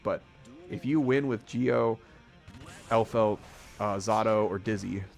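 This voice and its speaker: A man's voice: fairly low pitch, slow, gravelly, soft background music. A man casually commentating a live fighting-game tournament, rambling and chuckling often.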